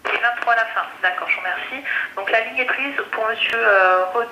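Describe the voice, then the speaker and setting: A woman's voice: fairly high pitch, a little fast, reverberant, noisy background. A woman working as a customer service adviser, speaking into a call-centre headset and heard over a phone line. She stays polite and formal, with many fillers.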